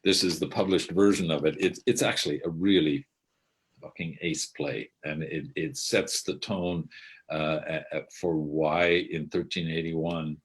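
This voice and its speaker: A man's voice: a bass voice, steady tone, unhurried, slightly rough. An older man, a theatre director, telling stories from his career in a rambling way, with frequent restarts and casual swearing. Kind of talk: rambling reflective monologue.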